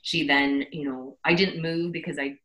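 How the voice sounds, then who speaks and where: A woman from the Toronto area with a Canadian accent, a social impact worker, reflects and thinks aloud about personal experience as a podcast guest. Her voice sits low, steady and sharp in tone, at normal speed.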